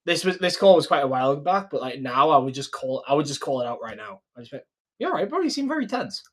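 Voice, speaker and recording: A British sales closer reviews one of his old calls, chatting informally and slangily about sales technique and sprinkling in "like" and "mate." His voice is husky and sing-song, on the high side, and quick.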